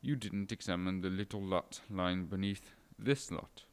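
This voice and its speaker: A man's voice: deep voice, a little slow, smooth. A man playing a stern, touchy Edwardian clergyman and father in an amateur period drama, pompous and formal. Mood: smug, touchy.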